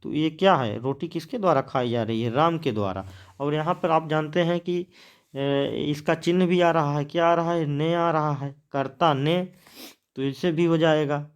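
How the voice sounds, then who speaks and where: A man's voice: on the high side, normal speed, clear, resonant tone. A man teaching a grammar lesson, writing examples on a board, repeating words as he writes and answering his own questions.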